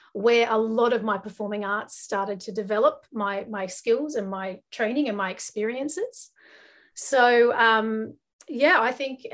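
A woman's voice: a little high, fairly bright tone. An Australian woman from Western Sydney, chatting as a podcast guest with many fillers and restarts. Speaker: guest, arts educator. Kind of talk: casual podcast interview.

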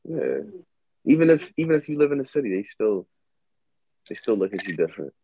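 A man's voice: lowish voice, very animated, fairly quick, warm tone, lo-fi sound. A young man chatting casually, laid-back and musing, with slangy speech. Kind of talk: casual chat.

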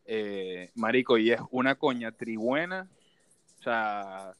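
A young man from Maracaibo, Venezuela, with a Zulian accent, telling stories in animated, slangy casual chat as podcast co-host. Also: on the low side, slow, smooth, dry recording.

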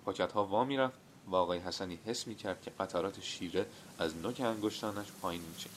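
A man narrating a literary short story in a steady, measured storytelling manner. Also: low-pitched, a little hiss or hum.

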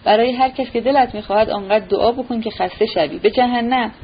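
A woman's voice: on the high side, lightly acted. A woman reading the lines of a scornful young man who mocks his uncle, in a storybook reading on a dull, slightly noisy recording. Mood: mocking. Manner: sneering, loud and derisive.

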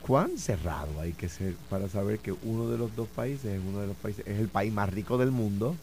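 A man's voice: lowish voice, normal speed, darkish tone, slight background noise, low-quality recording. A man on a political talk show, arguing insistently and hammering the same point home. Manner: insistent and argumentative, repeats his point. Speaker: former governor and show co-host. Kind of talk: casual political debate.

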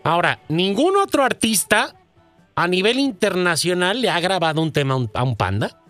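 A man's voice: high voice, very animated, normal speed, a bit bright, soft background music. A man with a Mexican accent chatting casually and jokingly as a radio show host. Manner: jokey, chatty. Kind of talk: casual chat.

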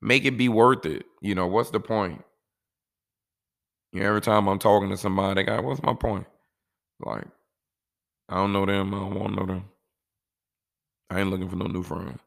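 Low raspy-ish guy just rambling chill advice, lots of "you know", kinda gravelly. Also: steady tone, a little fast, pauses often, fairly bright tone. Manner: laid-back, rambling, repeats "you know". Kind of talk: casual monologue giving life advice.

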